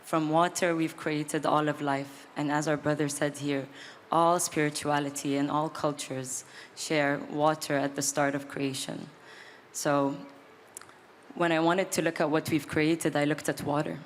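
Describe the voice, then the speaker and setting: A woman's voice: deep voice, level tone, a little slow. A young woman from Egypt and Palestine sharing a personal story as a panelist, reflective and hesitant with many ums. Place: large hall at an event. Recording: reverberant hall, faint noise.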